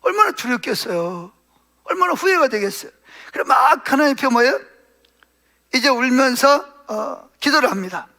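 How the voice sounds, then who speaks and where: Speaking at normal speed with an extremely high voice and big pitch swings, a male pastor delivers a sermon. He asks the congregation questions and answers them himself, softening his voice to act out quoted prayers.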